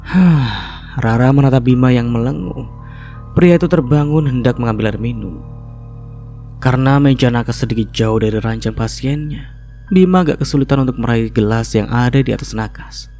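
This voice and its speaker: A man reads a horror story in a steady, measured way. His voice is mellow and dark, and his pitch sits at an ordinary middle level. Faint music plays underneath. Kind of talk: scripted horror narration.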